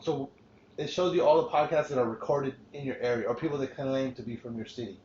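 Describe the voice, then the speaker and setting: A man's voice: medium pitch, steady tone, quick pace, darkish tone, a little hiss or hum. A man hosting a casual podcast chat, rambling and swearing freely with frequent restarts. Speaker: podcast host. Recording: roomy, dull lo-fi podcast recording.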